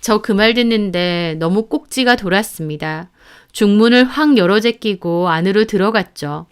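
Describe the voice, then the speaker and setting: A woman's voice: mid-range voice, moderate pace, clear, resonant tone. Woman narrating a grievance story. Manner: aggrieved, vivid retelling. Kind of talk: dramatic first-person story narration.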